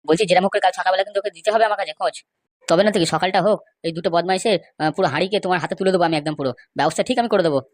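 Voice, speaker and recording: On a clean, dry studio recording, a woman with a natural, low-ish, darkish voice rattles off rapid-fire lines. She's playing an indignant male villager in an amateur comedy cartoon, a resentful schemer whose complaints come out emphatic and gossipy.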